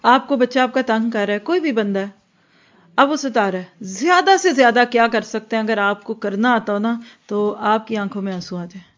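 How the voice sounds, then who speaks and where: A woman's voice: a little high, lively intonation. Woman giving a religious talk, lo-fi. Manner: earnest, acts out mothers and children in quoted asides. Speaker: religious teacher. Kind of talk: religious lecture. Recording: dull lo-fi recording.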